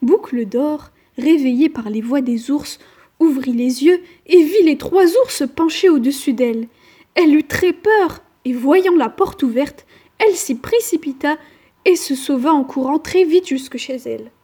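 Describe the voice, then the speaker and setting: A woman reading a children's fairy tale aloud with gentle, expressive narration. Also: high-pitched, a little slow. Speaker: storyteller.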